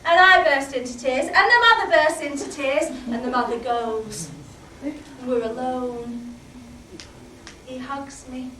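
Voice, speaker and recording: A British woman playing a chatty, candid middle-aged housewife in a solo comic monologue, swinging from hushed asides to loud outbursts. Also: high voice, a little slow, long pauses. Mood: animated. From Britain. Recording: roomy, distant mic, faint background noise.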